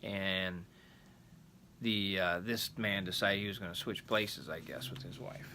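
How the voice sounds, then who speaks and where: A man's voice: low voice, a little slow, creaky, bright, forceful tone, a little hiss or hum. An older man reading a folk tale aloud like a rambling grandpa, adding folksy asides and plain explanations. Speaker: storyteller.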